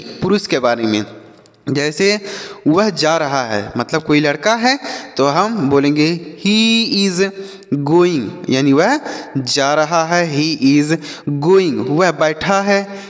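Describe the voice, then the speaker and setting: A man teaching simple English words to children, spelling each one out and slowly repeating example sentences. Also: fairly high pitch. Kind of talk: slow classroom lesson for children. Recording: long reverberant room echo.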